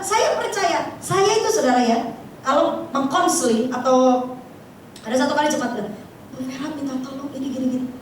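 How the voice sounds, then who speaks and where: A woman pastor, preaching in a lively, chatty way and often addressing the congregation. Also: high-pitched, slight background noise. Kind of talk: sermon. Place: church hall. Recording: echoey hall, distant mic.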